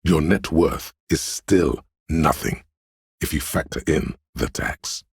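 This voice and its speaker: This is scripted video game narration: a man plays a detective's slick, hustling inner voice, smug and obsessed with money. His very deep, gravelly, husky voice is suave, deliberate and theatrically measured, with a smug, coaxing mood. The recording is dry and studio quality, a full character voice.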